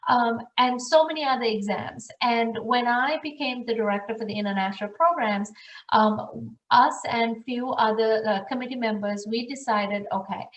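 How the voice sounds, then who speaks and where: A woman's voice: fairly high pitch, a bit bright, lo-fi sound, a little hiss or hum. A woman from Sri Lanka who directs international programs, giving earnest advice in a webinar presentation and asking the audience questions. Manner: earnest, advising, rhetorical questions. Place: room, recorded for an online webinar. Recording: echoey room, far from the mic.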